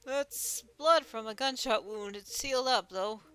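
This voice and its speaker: A woman's voice: on the high side, measured pace, bright, forceful tone, voice pushed up. A woman voicing a bumbling male police officer who makes flimsy excuses while reading game dialogue aloud. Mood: sheepish.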